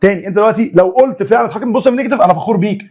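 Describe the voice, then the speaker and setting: A man's voice: high-pitched, very fast, a little mellow. A young man with an Egyptian Arabic accent, a physics teacher working through homework in a recorded lecture, coaxing and joking with students to work along. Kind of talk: recorded online lecture, solving homework problems.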